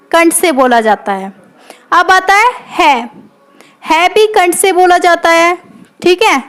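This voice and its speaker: Woman teacher, very high voice, patient explainer who keeps checking in with the class. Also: a bit bright. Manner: patient, repeats points, checks in with "theek hai". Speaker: Hindi teacher. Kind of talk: classroom lesson explaining grammar.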